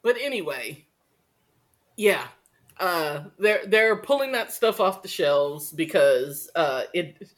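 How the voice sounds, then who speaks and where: An American woman hosting a podcast in casual chat, wry, unhurried and playfully teasing. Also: fairly low pitch, sing-song. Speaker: podcast host.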